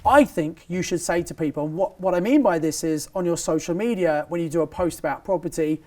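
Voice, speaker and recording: A man's voice: on the high side, fairly quick, mellow. A man hosting a property training interview, emphatic and repeating his key phrases as he coaches the audience.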